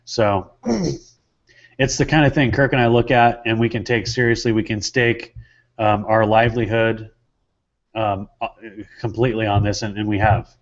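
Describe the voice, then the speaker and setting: Deepish-voiced man, earnest sales pitch. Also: fairly even intonation, moderate pace. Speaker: business promoter, co-presenter. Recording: dull, lo-fi sound.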